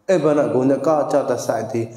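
A man performs traditional verse, calling out with sharp exclamations and drifting into song now and then. His voice sits at an ordinary middle pitch. It rings through a big hall, and each line trails off in a long echo. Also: brisk. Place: monastery hall. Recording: echoey hall with long reverb.

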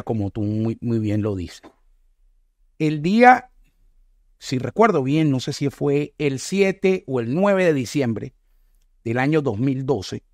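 A middle-aged man with a Venezuelan accent talks politics in an earnest, emphatic way, pressing on key words and then rushing ahead. His voice sits at a middle pitch. The sound is dry and close to the mic. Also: darkish tone, no room sound. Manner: earnest, emphatic, speeds up and slows for stress. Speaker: political commentator reacting to a video. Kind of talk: video reaction commentary.

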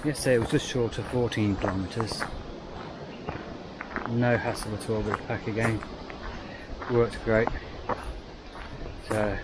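A man's voice: fairly low pitch, steady tone, measured pace, pauses often. An Australian man vlogging as he hikes a bush trail, talking plainly and matter-of-factly about his pack. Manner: plain, matter-of-fact, thinks aloud about numbers. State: panting on a climb. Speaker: hiker vlogger. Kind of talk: casual outdoor vlog. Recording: noisy outdoor recording.

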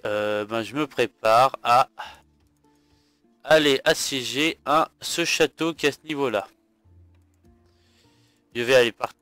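A man's voice: medium pitch, fairly bright tone, clean tone, no echo. A tired man narrating his own strategy game playthrough, thinking aloud with frequent hesitations. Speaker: gaming video host. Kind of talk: let's play commentary.

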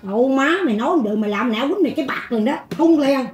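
A woman's voice: sits high, lively intonation, rapid-fire, roomy sound, soft background music. An older woman with a Southern Vietnamese accent, giving a coarse, blunt, scolding monologue about faith to a group of listeners. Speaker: folk religious teacher.

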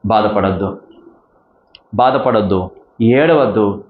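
A man's voice: lowish voice, takes it slowly, roomy sound, narrow, tinny audio. A man preaching a sermon as pastor, pressing the listener with repeated, rising appeals.

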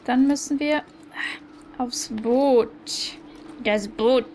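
Very high-voiced, excitable woman gamer. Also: extremely slow, a little hiss or hum. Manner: excitable, swears and groans at the game. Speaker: let's play gamer. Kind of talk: casual gameplay commentary. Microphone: headset.

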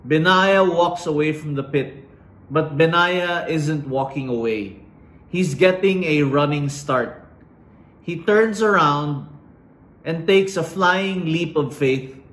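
A middle-aged man giving an inspirational commencement speech indoors, slow and dramatic with emphatic pauses. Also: on the high side, a bit bright. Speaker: commencement speaker. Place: indoors against a plain wall. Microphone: fixed camera at chest framing. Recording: roomy echo.

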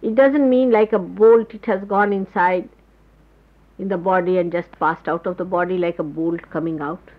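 Woman spiritual teacher, explanatory and unhurried, heard on a lo-fi old tape. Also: on the low side, steady tone. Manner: explanatory, gropes for words with pauses. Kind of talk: spoken spiritual talk to followers. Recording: dull lo-fi 1979 tape recording.

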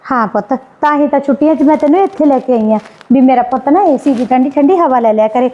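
A woman's voice: sits high, fast talker, muffled recording, lightly acted. A woman playing a patient mother who pleads and placates while defending her son. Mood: doting. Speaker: visiting daughter and mother.

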